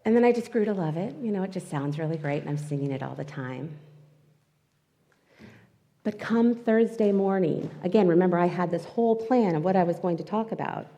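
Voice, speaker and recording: Through dull audio and the long echo of a spiritual centre hall, a woman with a fairly low pitch and dark tone speaks fairly quickly. She is a guest speaker livestreaming an emotional, candid inspirational talk about her own life into the microphone in front of her.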